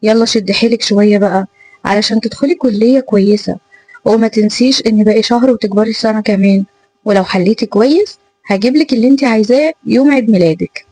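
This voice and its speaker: A woman's voice: on the high side, quick pace, mellow, husky, soft background music, low-quality recording. A woman with an Egyptian accent voicing a worried, protective older brother who asks concerned questions. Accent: Egyptian Arabic.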